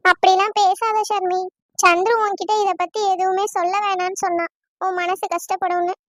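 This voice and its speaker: A woman voicing a calm, remorseful middle-aged aunt in a cartoon, explaining slowly and with regret. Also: very high-pitched, no echo. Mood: soothing. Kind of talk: cartoon voice acting.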